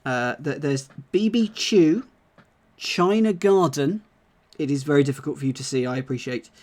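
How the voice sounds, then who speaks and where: A man's voice: on the high side, a little mellow. A man solving a puzzle on a livestream, reading clues aloud with frequent restarts and asides. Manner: reads aloud haltingly, with many restarts and asides. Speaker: puzzle solver. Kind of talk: casual chat while solving a puzzle on a stream.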